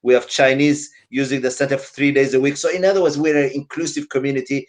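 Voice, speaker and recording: A man's voice: medium pitch, fairly even intonation, fast talker. A man from Somalia, speaking earnestly on a panel over a video call and repeating his key phrases. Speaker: community centre representative. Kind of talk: panel discussion.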